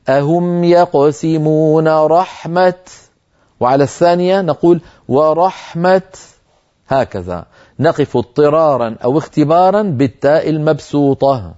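A man's voice: a little high, warm tone. Dull-toned male Quran teacher. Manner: explains slowly and chants quoted verses. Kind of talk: televised religious lesson.

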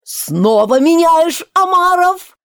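A woman voicing a boisterous, bossy male griffin who shouts his lines. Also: a bass voice, huge pitch swings, moderate pace, husky, no room sound, studio quality, voice pushed down, heavily acted. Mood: rowdy. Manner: blustery, shouting.

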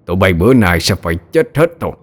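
A man's voice: low voice, sing-song, fast, soft background music. A man voicing a greedy, treacherous old sorcerer in an audio horror story, gloating and scornful.

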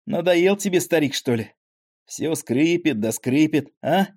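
A man's voice: fairly high pitch, lively intonation, unhurried, a little mellow. A man voicing a frail, talkative old father with a weak voice and rambling folksy speech, in an audiobook. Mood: weak, tender.

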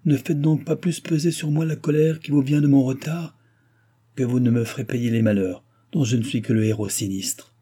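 A man voicing a mysterious sorcerer, firm, solemn and quietly threatening, in an audiobook reading. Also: mid-range voice, fairly even intonation, normal speed, breathy edge, pitched above the performer's own voice, natural voice. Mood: solemn warning. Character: mysterious male sorcerer, grave and menacing.

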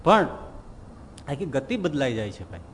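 A swami giving a sermon, telling funny stories and acting out the people in them. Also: male voice, mid-range voice, unhurried. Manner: lively storyteller, acts out characters' lines and chuckles at his own jokes. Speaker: swami giving a scripture discourse. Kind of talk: sermon with humorous anecdotes. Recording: long hall reverb with faint background noise.

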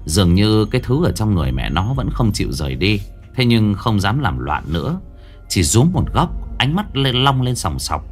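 A man with a low voice tells a ghost story, his pitch rising and falling with lively drama. Faint music plays softly behind him. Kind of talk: horror story narration.

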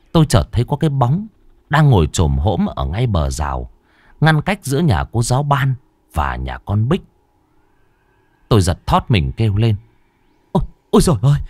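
A male storyteller narrates a horror tale in a suspenseful, dramatic way. His voice sits fairly low but swings widely in pitch, and the recording is dry and close. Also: very animated, normal speed, pauses often, a little mellow, dry recording.

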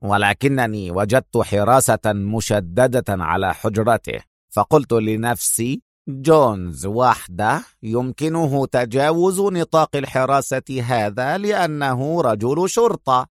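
A cold crime boss, as a storyteller puts him on, low, slow and unhurried. He talks with quiet contempt in a dry, close recording. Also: expressive, no room sound, close to an everyday voice.

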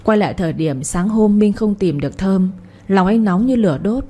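Mellow woman narrating. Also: medium pitch, husky. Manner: calm, measured storytelling. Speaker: storyteller. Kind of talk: audiobook narration.

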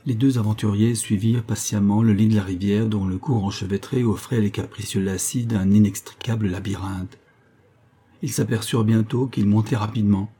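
A man reading a classic adventure novel aloud as a steady audiobook narrator. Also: lowish voice, moderate pace, slightly rough. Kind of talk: scripted narration.

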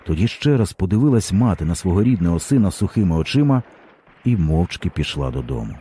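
A man narrating a literary story in a dramatic, expressive audiobook reading. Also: sits low, slightly rough.

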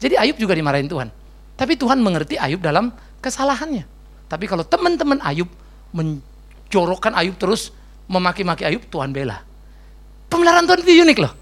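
A man's voice: high-pitched, fairly quick, gravelly, long pauses. Chatty joking pastor guy, voice swings up and down a lot, slangy. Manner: lively, joking, slangy, mixes in English words. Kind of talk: conversational sermon with Q&A.

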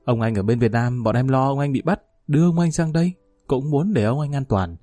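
A man's voice: medium pitch, a little fast, mellow, dry recording, faint music behind, close to an everyday voice. A man voicing a fawning, nervous male gang underling who pleads and placates in a story reading. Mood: pleading.

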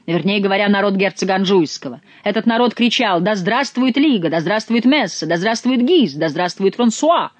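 A woman's voice: medium pitch, fast talker, hardly any pauses, dry recording, natural voice. A woman voicing an indignant male courtier in torn clothes who complains to his king in an audiobook.

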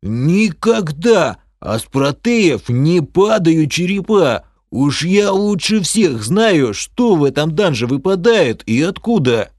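A man doing a greedy hamster hustler from a fantasy audiobook, voice pushed up high and swinging wildly as he yells about cash. He drags out his words in indignant, slangy bursts. The sound is dry and close. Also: very animated, measured pace, few pauses, no echo, exaggerated voice. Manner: indignant, shouting, money-obsessed slang. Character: greedy excitable male hamster trader. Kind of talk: audiobook character voice.

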